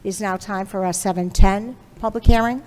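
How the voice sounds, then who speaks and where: A woman chairing a town board meeting, running hearings and votes in a brisk, formal manner. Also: mid-range voice, fairly even intonation, darkish tone. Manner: brisk, formal, reads notices aloud. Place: town hall auditorium. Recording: long reverb in a large hall.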